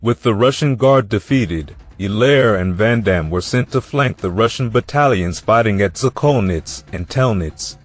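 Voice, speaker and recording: Low-voiced man narrating history. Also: animated, unhurried, few pauses. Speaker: documentary narrator.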